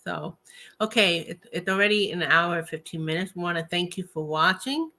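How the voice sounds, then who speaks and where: A woman's voice: on the low side, moderate pace, bright, forceful tone. A woman hosting a show in a casual, conversational, slightly rambling chat style. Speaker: host of a tarot and spirit talk show.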